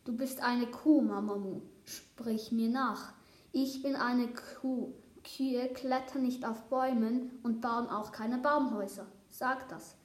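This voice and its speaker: A woman reading a picture book aloud, voicing a fussy, know-it-all female crow who lectures slowly and clearly. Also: a little high, a little mellow, reverberant. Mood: lecturing.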